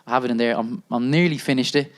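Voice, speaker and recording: A man's voice: medium pitch, fast. Hesitant, rambling man in casual chat. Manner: hesitant, rambling, many fillers and restarts.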